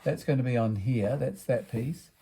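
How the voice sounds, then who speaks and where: In this rough recording, a gravelly man with a mid-range voice speaks at a normal pace. He's a builder presenting a workshop vlog to kids, upbeat like a party entertainer, simplifying everything and asking tag questions along the way.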